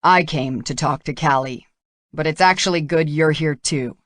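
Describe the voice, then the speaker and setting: A woman voicing an intense, determined man in love, speaking forcefully and insistently. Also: sits low, normal speed, dry recording, clean studio sound.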